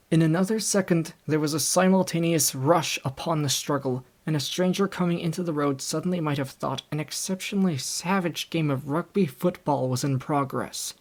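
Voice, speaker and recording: Young man narrating an audiobook. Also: fairly high pitch. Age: young adult. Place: home recording setup.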